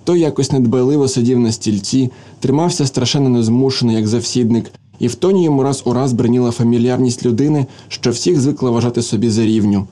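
Mellow-voiced man narrating a story. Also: medium pitch. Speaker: audiobook narrator. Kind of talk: scripted literary narration.

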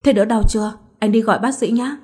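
A woman voicing a gentle, doting young husband in a storybook reading, speaking in a soft, coaxing way. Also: on the high side, fairly even intonation, quick pace, husky. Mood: worried.

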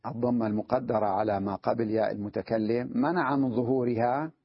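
A man gives a patient grammar lesson. He repeats key phrases and keeps asking whether his listeners follow. His voice is husky, and the recording is dry and muffled, lacking crispness. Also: medium pitch, fairly even intonation, no room sound. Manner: repeats key phrases slowly, checks understanding with questions. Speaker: Arabic grammar teacher.

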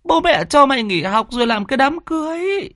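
A man's voice: medium pitch, animated, normal speed, creaky, darkish tone, slightly rough, no echo, studio quality, pitched above the performer's own voice. A man voicing an anxious middle-aged village mother in a horror story. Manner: anxious, pleading.

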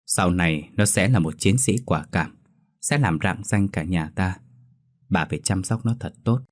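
The gentle ghost of a soldier husband, tender and sorrowful, as a male storyteller voices him. The voice is deep and low. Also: normal speed.

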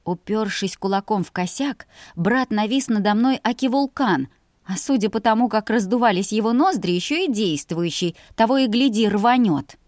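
A woman narrating a story in the first person, lively and ironic in tone. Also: mid-range voice, normal speed, dry recording, clean studio sound. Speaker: audiobook narrator.

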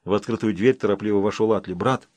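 A man's voice: medium pitch, brisk, no echo. Man narrating an audiobook, dry sound. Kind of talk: scripted narration.

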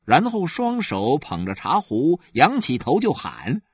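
A man narrating a novel aloud in an animated storytelling manner. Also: on the high side, a little slow, breathy edge, no room sound, studio quality. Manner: animated storytelling, many voices. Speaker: audiobook narrator. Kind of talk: expressive literary narration.

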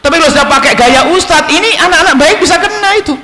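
A man preaching a sermon to students, animated, acting out little dialogues in changed voices. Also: very high-pitched, fast talker. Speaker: Islamic preacher. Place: school hall with audience. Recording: echoey hall, long reverb.

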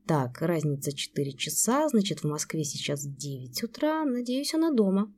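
A woman reading the lines of a calm, kindly grown man who speaks softly and soothingly. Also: lowish voice, moderate pace, a little hiss or hum. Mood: gentle. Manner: soft, steady, soothing.

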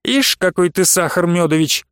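A man's voice: sits high, expressive, moderate pace, fairly bright tone, smooth, dry recording, clean studio sound. A man putting on a bold teasing young village woman. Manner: teasing, coaxing, then fiery. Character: lively teasing young peasant woman, bold and quick-tempered.

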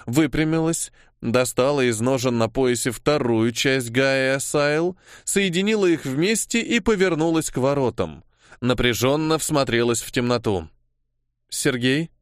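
A man's voice: mid-range voice, animated, a little slow, clean tone, no echo, studio quality. Man narrating an audiobook. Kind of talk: scripted narration.

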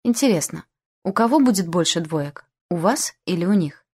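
A cheerful, teasing spacer dad who likes to joke with the children, as voiced by a woman reading an audiobook. His lines come out bright and bossy in a friendly way. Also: fairly low pitch, lively intonation, moderate pace, breathy edge. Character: jolly male crewmate, father.

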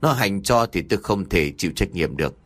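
A man voicing an older female fortune teller in an audio story, flat and matter-of-fact. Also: low voice, a little fast. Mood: cold.

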